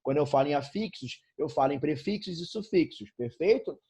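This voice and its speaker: A Brazilian man gives a grammar lesson with a Brazilian Portuguese accent, and his voice is a little husky and pitched slightly high. He keeps checking in with his students and calls them brother and gang. His manner is upbeat and familiar throughout. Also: expressive, brisk, warm tone. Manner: upbeat, checks in constantly with "show?" and "tranquilo?"; addresses students familiarly as "irmão" and "galerinha". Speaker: Portuguese teacher.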